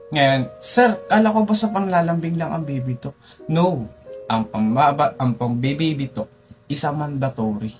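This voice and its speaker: A young man hosting a comedic tutorial, lecturing playfully and jumping up in pitch for emphasis. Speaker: tutorial host.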